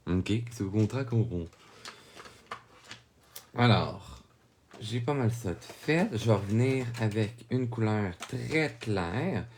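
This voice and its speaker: Slow, low-voiced Québécois man. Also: slight background noise. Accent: Québécois French. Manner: explains each step calmly, often checks in with viewers. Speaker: drawing instructor. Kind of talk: drawing tutorial narration.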